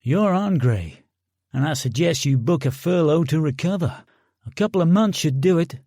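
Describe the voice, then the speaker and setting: A man's voice: on the high side, lively intonation, normal speed, warm tone, no room sound, clean studio sound. A man voicing a brash, mocking American sergeant in an audiobook, talking in cocky, needling banter. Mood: taunting.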